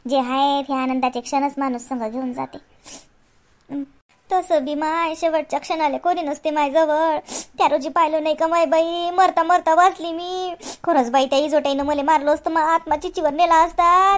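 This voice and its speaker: A woman's voice: extremely high pitch, steady tone, normal speed. A woman playing a chatty, self-pitying old village grandmother, rambling, preaching and complaining in sing-song exclamations. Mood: preachy. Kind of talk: comic sketch acting.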